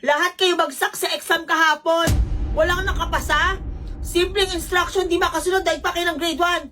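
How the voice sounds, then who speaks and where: A woman's voice: very high voice, steady tone, normal speed, over music. A woman playing a strict woman teacher who berates her class in a comedy skit. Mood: scolding. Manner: stern, berating.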